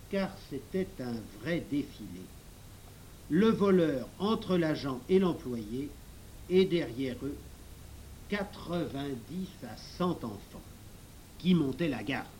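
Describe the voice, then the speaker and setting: A man reading a children's novel aloud in measured storybook narration. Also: fairly high pitch, darkish tone, a little hiss or hum, low-quality recording. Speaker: audiobook narrator.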